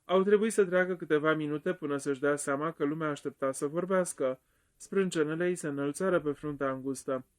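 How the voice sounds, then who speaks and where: A man narrating an audiobook in a steady, even reading voice. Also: on the high side. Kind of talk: scripted narration.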